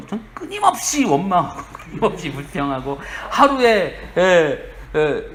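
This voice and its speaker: A male pastor giving a sermon, animated, acting out quoted voices and chuckling often. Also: on the high side, slight background noise. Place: church sanctuary.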